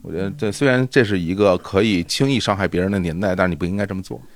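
A man, a podcast host answering questions in a casual group chat, laughing often and repeating himself when excited. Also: low voice, very fast, dry recording. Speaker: podcast host being interviewed.

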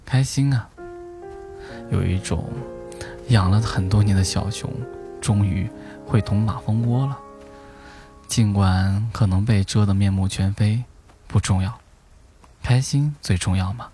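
A man narrating a bedtime story in a gentle, unhurried way, lightly voicing the animal characters. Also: fairly low pitch, fairly even intonation. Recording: soft music behind the voice. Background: soft instrumental music.

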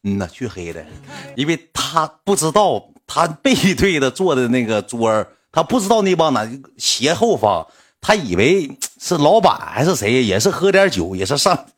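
A man's voice: mid-range voice, moderate pace, husky. A young man with a Northeastern Mandarin accent telling a story from his own life in a blunt, slangy, casual way. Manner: blunt, slangy, animated retelling with coarse words.

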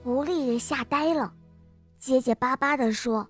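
A woman narrating a children's picture book, gentle and expressive, talking to young listeners. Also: high voice, a little slow, dry recording, soft background music. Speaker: children's storyteller. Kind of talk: storybook narration.

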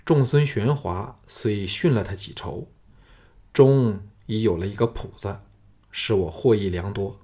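A man voicing a confident, easygoing young male swordsman who talks in a relaxed, slightly wry way, with a low, husky voice. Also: a little slow.

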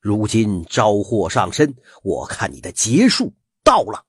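A man voicing a stern middle-aged male snake-taming master in a folk story, gruff and commanding, in a husky voice. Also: on the low side, big pitch swings, a little slow, darkish tone, dry recording, clean studio sound, voice pushed down, heavily acted.

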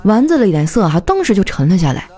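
A woman's voice: medium pitch, big pitch swings, fast talker, mellow, soft background music. A young woman hosting a comedy show, telling funny stories in a chatty way and laughing as she talks. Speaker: comedy podcast host. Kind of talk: comic storytelling monologue.

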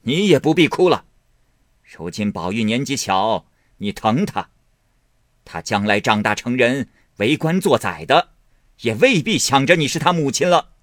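A man's voice: medium pitch, very animated, measured pace, a bit bright, no echo, studio quality, pitched above the performer's own voice. A man reading aloud and voicing a stern, grieving old matriarch who scolds her son with cold sneers. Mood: angry scolding.

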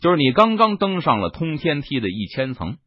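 A man's voice: on the high side, sing-song, a little fast, no echo, muffled recording. A man voicing an arrogant, menacing young male sect senior disciple who talks coldly and threateningly. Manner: cold, threatening.

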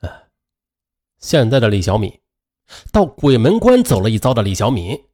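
A man's voice: medium pitch, sing-song, normal speed, mellow. A man narrating a family true-crime story in a dramatic storytelling manner, drawing out his filler particles.

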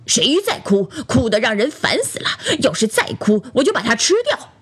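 A woman's voice: on the high side, very animated, moderate pace, slightly rough, full character voice. A woman voicing a grumpy rubber toy lion in a children's storybook, blustering and irritable. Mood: annoyed.

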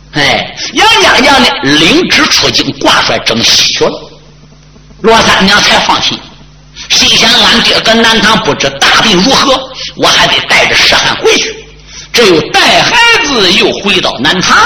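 Storyteller guy, high swoopy voice, shouts a lot, echoey noisy recording. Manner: dramatic, swooping delivery, sudden shouts. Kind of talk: traditional Chinese storytelling performance. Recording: roomy, loud background noise.

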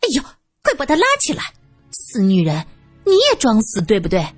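Woman doing a shrill furious young actress. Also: sing-song, measured pace, breathy edge, no room sound, faint music behind, heavily acted. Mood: furious, mocking. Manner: shrill, shouting. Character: furious jealous young actress, screaming insults.

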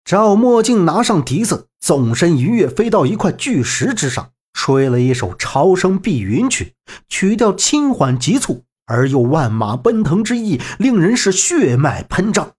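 A man narrating a martial arts novel as an audiobook, in an animated, dramatic reading. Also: high voice, a little slow, hardly any pauses, breathy edge.

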